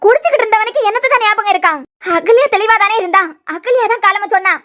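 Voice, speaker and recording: A woman's voice: very high voice, fast, fairly bright tone, pitched above the performer's own voice. A woman voicing a stern, indignant mother in a cartoon serial, with a Kanyakumari Tamil accent. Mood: scolding. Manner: scolding, indignant.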